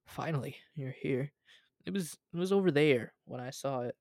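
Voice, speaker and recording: A man voicing a frightened old man, halting and stammering. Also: mid-range voice, a little mellow, dry recording, studio quality, close to an everyday voice. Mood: anxious.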